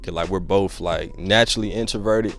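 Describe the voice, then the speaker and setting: A man's voice: deep voice, fairly quick, fairly bright tone, faint music behind. A man hosting a podcast, asking questions in an easygoing, affirming way and often calling his guest "man". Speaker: podcast host. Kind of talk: casual podcast interview.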